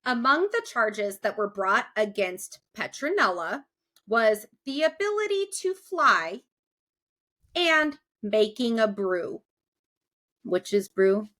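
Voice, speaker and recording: A woman's voice: mid-range voice, very animated, slow pace, a bit bright. A young woman hosting a podcast in casual, chatty talk, laughing often. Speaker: podcast host.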